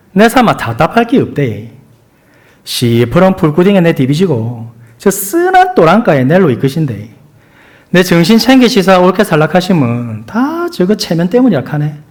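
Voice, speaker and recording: A man voicing a blunt, rough-talking Gyeongsang man, reciting a psalm with a brash, punchy delivery. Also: high-pitched, voice pushed up. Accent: Gyeongsang dialect.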